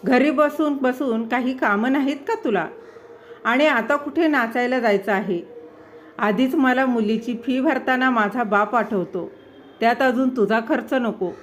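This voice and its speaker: A woman's voice: fairly high pitch, unhurried, slight background noise, close to an everyday voice. A woman reading as a scornful, dismissive husband. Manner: contemptuous, sharp, raised voice.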